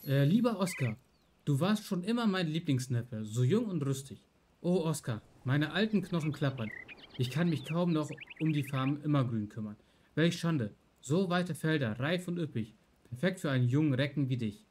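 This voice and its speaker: A very old uncle, acted out by a man gaming, speaks fondly and wistfully, as if writing to a beloved nephew. The recording has clear noise and clicks behind the voice. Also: a little high, lively intonation, normal speed, a little mellow, close to an everyday voice. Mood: fond, weary. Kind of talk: letter read aloud in a video game playthrough.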